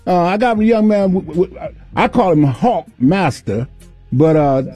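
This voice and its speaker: A male radio host interviewing a guest on air, talking slowly and repeating himself. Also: sits high, dark tone, breathy edge, no room sound, faint music behind. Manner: slow, drawn-out, repeats himself.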